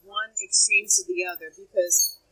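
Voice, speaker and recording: A young woman co-hosting a casual podcast chat, animated and full of fillers, her pitch leaping up on points she stresses. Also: normal speed, breathy edge, rough recording. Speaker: podcast co-host.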